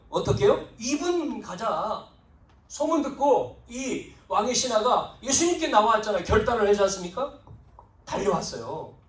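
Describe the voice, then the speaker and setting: Man, pastor, sermon, high voice, lively swooping pitch, roomy echoey hall. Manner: emphatic preaching with wide swings between loud and hushed; acts out biblical figures' lines in quoted speech. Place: church sanctuary. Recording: roomy, distant church recording.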